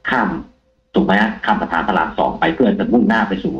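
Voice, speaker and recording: A man, a taxi driver, telling a ghost story in a casual, animated way on a live show. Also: lowish voice, quick pace, echoey room, lo-fi sound, faint music behind. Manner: animated, acts out the quoted lines himself.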